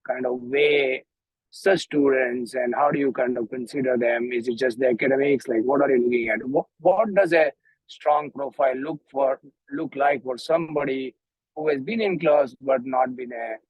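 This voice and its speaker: A husky-voiced man talks over a car speakerphone while driving, sounding a little distant from the mic. He asks his question politely and haltingly, restarting phrases as he hunts for the right words. His voice sits in a middle register, and the sound is dry. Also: mid-range voice, steady tone, dry recording. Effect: car speakerphone, somewhat distant from the mic. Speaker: parent asking a question. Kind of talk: call-in question at a school info session.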